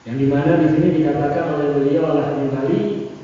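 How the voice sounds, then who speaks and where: A man's voice: on the high side, fast, mellow. A man delivering an Islamic sermon, telling stories and acting out their exchanges. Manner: storytelling, voices quoted exchanges, chants prayers. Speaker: preacher. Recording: echoey hall from far off, dull lo-fi, faint noise.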